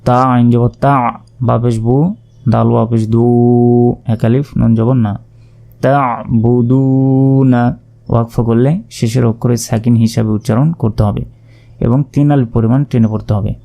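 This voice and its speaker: A man with a gravelly, dark voice teaches Quran reading patiently, spelling words out sound by sound. Now and then he stretches a word into a slow, drawn-out chant before going back to plain explanation. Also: medium pitch, flat delivery. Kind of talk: spelling out recitation step by step.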